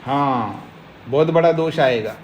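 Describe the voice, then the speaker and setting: A man's voice: medium pitch, muffled recording, slight background noise. A man teaching a philosophy class, explaining step by step and often asking the listeners if they follow. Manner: explains slowly, keeps checking the listeners follow. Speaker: teacher of Nyaya philosophy, swami. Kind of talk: Hindi scripture lecture to a class.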